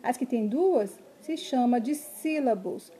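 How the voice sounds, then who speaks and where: Woman teacher, video lesson for kids, slow, soft mellow voice, spells out syllables. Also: on the high side, lively intonation. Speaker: primary school teacher. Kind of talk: remote video lesson for children.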